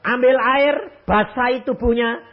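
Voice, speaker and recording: An older man preaching a sermon, telling stories, jumping from loud high exclamations to low quiet asides. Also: unhurried. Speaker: pastor. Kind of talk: sermon with storytelling. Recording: muffled lo-fi recording.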